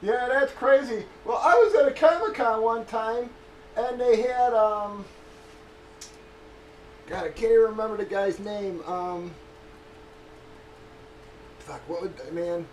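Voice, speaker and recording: A man's voice: high-pitched, slow pace, pauses often, a little mellow, a little hiss or hum. A man streaming casually, telling a rambling, profane story and stalling as he gropes for names. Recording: echoey room with faint ambience.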